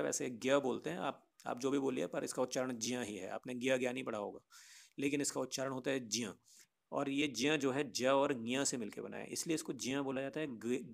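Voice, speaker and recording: Guy teaching grammar to kids, bit gravelly voice, patient, keeps asking "right?". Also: mid-range voice. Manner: patient, explaining to children with rhetorical questions. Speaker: Sanskrit teacher. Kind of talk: online grammar lesson.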